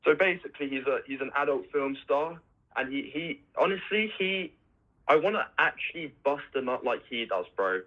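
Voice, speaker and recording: A caller phones into a show and chats casually in an expressive, fairly high voice at normal speed, tagging his sentences with "you see." The phone line sounds dull.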